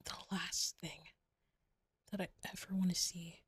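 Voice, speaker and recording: Woman voicing a devoted, breathy bodyguard in whispered role-play. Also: on the low side, level tone, no room sound, studio quality. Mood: tender whispering. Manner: halting, emotional, sighing often. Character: devoted female bodyguard, tender and protective.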